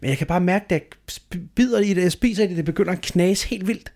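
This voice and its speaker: A man's voice: high voice, a little mellow. A man in his thirties telling a dramatic, self-mocking story in a casual chat, swearing freely.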